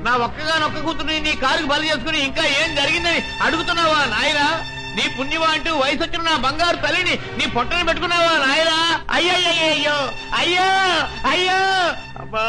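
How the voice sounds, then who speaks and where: Comic lead: a cocky young pickpocket, high-voiced, full of banter, score underneath. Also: male voice, a little fast, low-quality recording. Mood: mock wailing. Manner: cheeky, joking banter, mock wailing. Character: cocky, witty male pickpocket, young adult. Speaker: pickpocket lead in a comedy film. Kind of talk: 1980s Telugu film comic acting. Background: film music.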